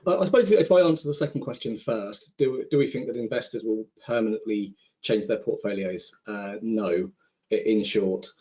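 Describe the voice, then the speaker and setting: A man with a lowish, warm voice speaks at a moderate pace as an investment panelist on a conference call. He thinks aloud in a conversational, informal way, offering roundtable-style commentary.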